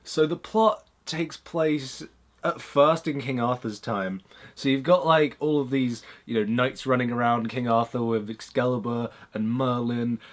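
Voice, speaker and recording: A man's voice: mid-range voice, unhurried. A man hosting a casual movie review chat, blunt and rambling, with plenty of fillers and swearing.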